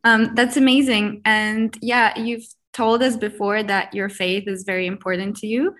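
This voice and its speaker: A woman's voice: medium pitch, steady tone, normal speed, fairly bright tone. Polite young woman hosting a podcast. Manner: polite, hesitant with many ums in questions. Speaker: podcast host. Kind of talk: scripted podcast intro and interview questions.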